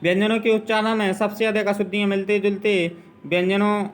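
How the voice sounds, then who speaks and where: A man's voice: high-pitched, level tone, a little fast. A man teaching a grammar lesson, carefully saying word pairs one after another to drill pronunciation.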